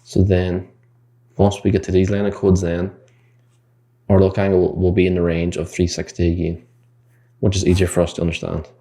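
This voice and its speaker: A man's voice: deep voice, completely flat delivery, moderate pace, pauses often, noisy background. A man teaching game development in a screen-recorded coding tutorial. He explains the code step by step, thinks aloud and corrects himself mid-sentence.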